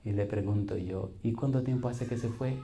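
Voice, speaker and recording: A man's voice: on the low side, moderate pace, crowd noise. A middle-aged man, a pastor preaching a sermon, questioning the congregation and telling folksy stories with quoted voices. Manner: preaching with call-and-response questions.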